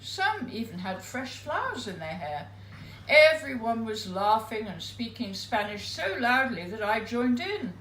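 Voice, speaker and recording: A woman at a live spoken word night, reading her own memoir piece aloud in an unhurried, expressive storytelling manner. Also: on the high side. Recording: roomy live venue.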